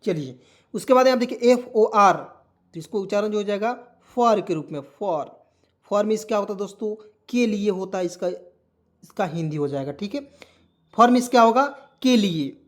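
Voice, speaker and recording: A man's voice: high-pitched, expressive, normal speed. A man teaching a step-by-step spelling lesson, putting questions to his viewers and answering them himself, addressing them as friends. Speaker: English teacher.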